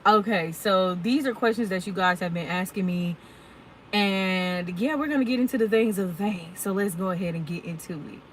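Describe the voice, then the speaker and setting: A truck driver in her twenties chats casually and candidly with her viewers during a live Q&A while unloading her truck at work, using plenty of "y'all" and "um." Her voice is mid-range at a normal speed, and the audio is poor, with a little hiss or hum.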